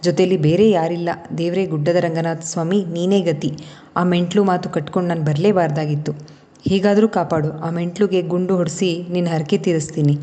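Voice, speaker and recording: A woman narrating a romantic family story in a measured, expressive way. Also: lowish voice, long reverb tail.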